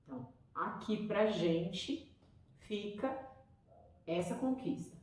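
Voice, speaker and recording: Brazilian Portuguese woman teacher, enthusiastic and chatty, mid-pitched, recorded far off in an echoey room. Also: animated, slow pace, a little mellow. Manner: enthusiastic, chatty, acts out children's voices. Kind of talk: explaining to parents.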